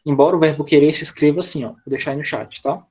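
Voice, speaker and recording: A man's voice: a little high, steady tone, fast talker, darkish tone, highs cut off. A male English teacher with a Brazilian Portuguese accent, explaining grammar step by step in an online class over a video call. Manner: patient, explains step by step with frequent "tá?" and "né?".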